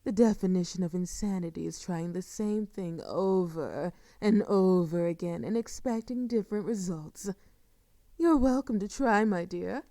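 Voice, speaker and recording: Her lowish, close-to-everyday voice plays a sadistic, seductive vampire lord, taunting the listener through soft murmurs and a drawn-out, theatrical, condescending manner. The intimate audio roleplay is recorded cleanly in a studio, free of echo.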